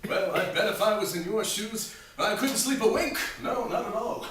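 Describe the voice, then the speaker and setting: Guy doing a clueless earnest army pal, old-timey war comedy, high voice, noisy echoey recording. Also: lively intonation, moderate pace. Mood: mock-solemn. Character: bumbling, tactless wartime army buddy, mock-earnest and folksy. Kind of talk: comedic stage-style drama, old war-film dialogue. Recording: very echoey, distant mic, noisy with clicks.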